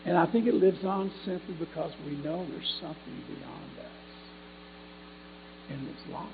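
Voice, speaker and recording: A man's voice: on the high side, measured pace. A man preaching a sermon, talking in a loose, rambling way, often restarting his phrases and then reading scripture aloud. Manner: rambling, self-correcting, conversational. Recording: tinny phone-like sound with faint mains hum.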